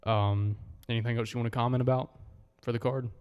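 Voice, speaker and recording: Casual young male podcast co-host, easygoing, crisp tone, echoey room. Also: mid-range voice, steady tone, fairly quick, lo-fi sound. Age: 20s. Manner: easygoing, leads the rundown with frequent ums. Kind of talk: casual chat.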